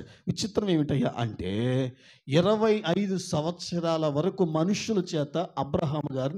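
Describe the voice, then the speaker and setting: A male pastor with an Andhra Telugu accent, preaching a sermon. He swings from soft asides to loud, emphatic shouting and asks the congregation questions. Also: a little high. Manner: acts out mocking relatives in a raised voice.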